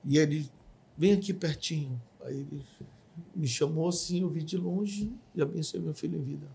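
Husky-voiced man telling a testimony. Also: fairly high pitch, moderate pace. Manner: vivid storytelling, acts out shouts and quotes. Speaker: podcast guest giving testimony. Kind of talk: emotional personal testimony.

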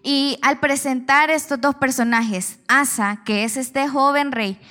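A woman's voice: sits high, unhurried, pushed and bright. A woman, preaching a sermon and telling a personal testimony in an earnest way, with frequent restarts.

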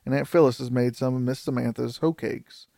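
Male reader voicing a mischievous boyish youth, gravelly, dry sound. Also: mid-range voice, steady tone, fairly quick, mellow, no echo, close to an everyday voice. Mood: cheeky. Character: boyish, mischievous young man.

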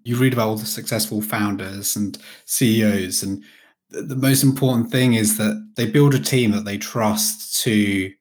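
Lowish-voiced male host asking questions. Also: normal speed. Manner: thoughtful, building long comparisons while asking questions. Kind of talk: interview host.

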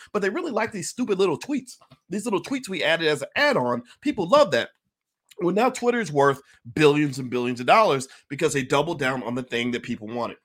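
A man talking to camera as a host in an energetic, emphatic way, repeating key words and clearing his throat now and then. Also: sits high. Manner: clears throat and coughs between points. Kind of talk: casual talk to camera.

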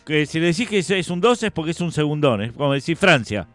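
A man with an Argentine accent rattles off quirky facts on a chatty podcast. His pitch sits a bit high and swings widely as he jokes. The sound is close and dry, with faint music beneath. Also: lively intonation, fast, fairly bright tone, no echo. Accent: Argentine Spanish. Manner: playful, joking trivia. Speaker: podcast co-host. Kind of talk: casual chat.

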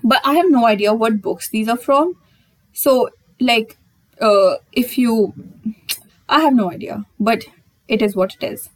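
Young woman, podcast host, casual solo chat, breathy husky voice, candid, emphatic, swears freely. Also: fairly high pitch, unhurried, pauses often, poor audio.

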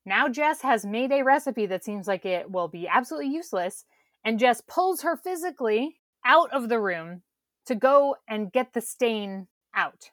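Woman, podcast co-host, casual recap, wry, slightly high pitch, dry sound. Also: expressive, normal speed, a bit bright, dry recording. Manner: wry, quotes characters in mocking voices.

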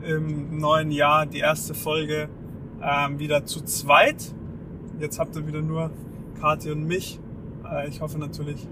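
A man in his twenties chatting casually as a podcast co-host, in degraded low-bitrate audio recorded in a moving car. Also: monotone, takes it slowly. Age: 20s. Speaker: podcast co-host, master's student. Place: inside a car on the motorway. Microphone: off-mic, faulty setup. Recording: noisy moving car, distant faulty microphone. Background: road and engine noise.

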